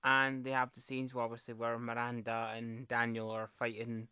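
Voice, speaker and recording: Smooth-voiced easygoing English podcast co-host. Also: male voice, medium pitch, completely flat delivery, moderate pace, bright, forceful tone, no echo. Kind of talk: casual chat.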